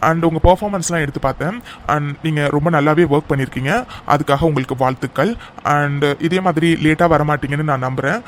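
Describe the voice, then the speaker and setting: A man voicing a formal, stern new male company boss in a cartoon serial, speaking in a measured way and mixing English phrases in. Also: a little high, slight background noise, lightly acted. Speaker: office manager character.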